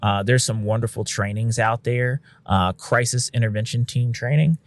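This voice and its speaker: Mid-range and at normal speed, this man's voice comes through with no echo. A paramedic who also instructs, he explains things in a relaxed podcast style, speaking bluntly, swearing now and then, and acting out what he'd say to patients.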